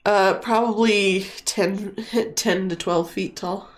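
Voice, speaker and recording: Woman game master, slow easygoing pace, chatting through a tabletop game. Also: mid-range voice, fairly even intonation, slight background noise. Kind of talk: casual tabletop game narration.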